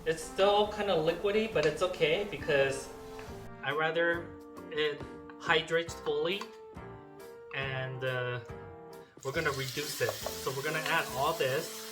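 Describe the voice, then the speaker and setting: This home cook and video host, Korean-born with Korean as his native language, chats through memories full of fillers while teaching a relaxed cooking lesson in his kitchen. He speaks unhurriedly in a fairly high pitch, against loud background music in a spacious room.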